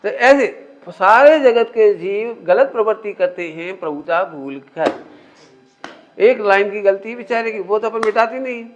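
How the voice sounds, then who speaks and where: A man's voice: high voice, expressive, a little slow, a little hiss or hum. A man teaching a spiritual discourse in a conversational way, often asking his listeners questions. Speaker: religious teacher. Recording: muffled lo-fi recording.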